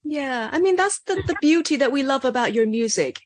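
A woman's voice: high-pitched, expressive, brisk, a little mellow, no echo. A woman radio interviewer, enthusiastic and teasing with her guest.

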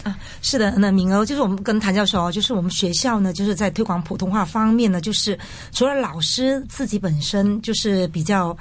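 A woman's voice: medium pitch, a little fast, hardly any pauses. A woman, answering as a school department head in a semi-formal interview, linking her points with wordy connectives.

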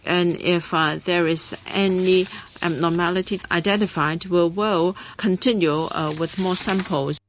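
Low-voiced woman as a live interpreter. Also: fairly even intonation, a little hiss or hum, poor audio. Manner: halting, pausing with "uh" between phrases. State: live interpreter voice, rendering an official's words. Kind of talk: simultaneous interpretation at a hearing.

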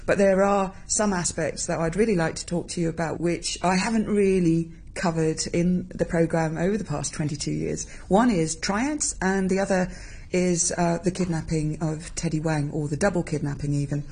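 A woman's voice: on the low side, normal speed, a little mellow, slightly rough. A woman hosting a long-running programme, asking friendly, probing interview questions. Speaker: radio programme host. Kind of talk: conversational interview.

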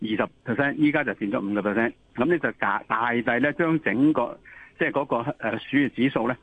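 A man's voice: mid-range voice, slightly rough. A man with a Hong Kong Cantonese accent, an expert guest explaining didactically over the telephone, repeating points for emphasis. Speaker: interview guest, occupational health expert. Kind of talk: explanatory interview answers. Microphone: telephone call. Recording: tinny phone line with noise.

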